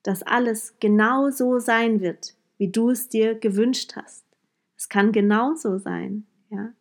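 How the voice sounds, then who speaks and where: Woman, podcast host, motivational monologue, earnest, fairly high voice, frequent questioning "ja?". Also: takes it slowly. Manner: earnest, tags sentences with a questioning "ja?"; retells a coaching talk with a client. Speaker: podcast host and life coach.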